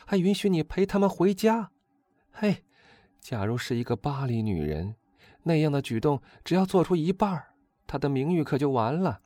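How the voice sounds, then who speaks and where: A man reading a storybook, voicing a vain, excitable young dandy who chatters loudly and boastfully. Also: no echo. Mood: exuberant. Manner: loud exuberant high-pitched chatter.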